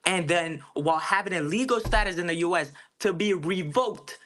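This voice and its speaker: Bright-voiced man. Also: high-pitched, normal speed, slight background noise. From Cuba. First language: Spanish. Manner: earnest, explains at length with restarts. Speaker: video chat stranger. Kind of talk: casual political debate.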